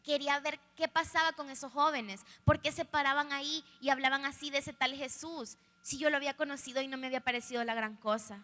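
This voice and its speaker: A woman's voice: high-pitched, fairly even intonation, fast, hardly any pauses, bright, forceful tone. A young woman with a Salvadoran accent giving a candid, humorous personal testimony that speaks directly to a live audience. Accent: Salvadoran Spanish. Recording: echoey hall, live stream.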